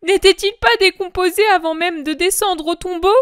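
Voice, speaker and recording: A woman's voice: very high-pitched, measured pace, a bit bright, no room sound, clean studio sound, pitched above the performer's own voice. A woman voicing the grieving mother of Jesus, imploring and sobbing in a breaking voice, in a dramatic religious reading. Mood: pleading.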